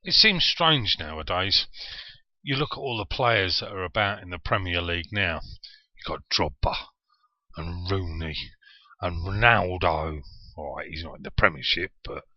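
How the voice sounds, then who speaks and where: A man's voice: sits low, expressive, a little slow, no room sound, muffled recording. A man in his forties from Yorkshire with a southern English accent, telling a personal story in a chatty, self-deprecating way. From Yorkshire, England. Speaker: vlogger.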